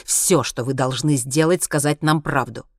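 A man voicing a cold, menacing male scientist who interrogates slowly and coldly. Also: mid-range voice, fairly even intonation, no room sound, studio quality, lightly acted. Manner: slow, icy, measured, bursting into shouts. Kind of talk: audiobook character reading.

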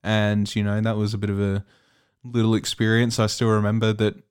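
A man's voice: on the low side, level tone, a little fast, smooth. A man in his twenties with an Australian accent, co-hosting a casual podcast chat, rambling with fillers and laughing easily. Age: 20s. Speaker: podcast co-host.

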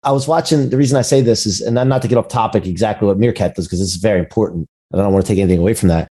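A man's voice: on the low side, racing, warm tone, slightly rough. A man hosting a business podcast in a conversational, motivational entrepreneur style full of buzzwords, recorded over a video call. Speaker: podcast host.

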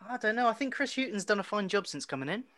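Bright-voiced young man hosting a podcast. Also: high voice, lively intonation, fast talker. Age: young adult. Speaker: podcast host. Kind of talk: casual pub-style podcast chat.

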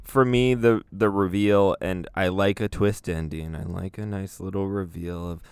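A man's voice: low-pitched, steady tone, moderate pace, a little mellow, smooth, dry recording. A man co-hosting a podcast, chatting casually about a film, hesitant and often restarting his sentences. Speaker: podcast co-host. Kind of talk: casual film review chat.

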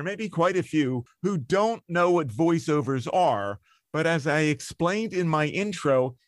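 A man's voice: sits high, no echo. A man hosting an interview podcast, asking questions with open enthusiasm. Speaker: podcast host.

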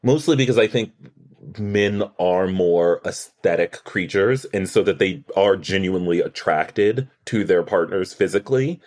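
A man with a deep, slightly mellow voice speaks at a measured pace as a podcast co-host. He casually recaps a TV episode in a chatty, analytical way, full of restarts and quoted dialogue.

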